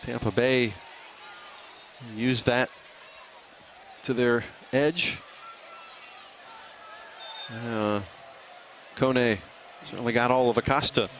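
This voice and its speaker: A man doing live play-by-play soccer commentary, calling player names in brisk short bursts. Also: mid-range voice, steady tone, a bit bright, a faint crowd, a little hiss or hum.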